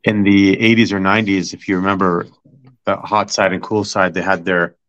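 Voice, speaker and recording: A man's voice: low-pitched, level tone, normal speed, a bit bright. A middle-aged man talking casually as an interview guest about his family's restaurant, rambling with many fillers and restarts. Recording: dull lo-fi sound.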